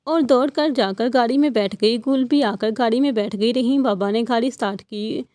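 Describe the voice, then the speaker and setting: A woman's voice: on the high side, a little mellow, no room sound. Woman narrating a novel, dry close voice. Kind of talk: audiobook novel reading.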